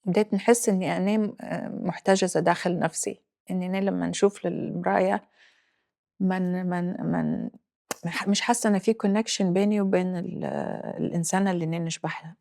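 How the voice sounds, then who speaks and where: Woman, 40s, Libyan accent, gravelly edge, reflective, halting, interview guest. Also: on the low side, steady tone, a little mellow. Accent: Libyan Arabic. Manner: reflective, halting, mixes in English phrases. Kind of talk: personal interview.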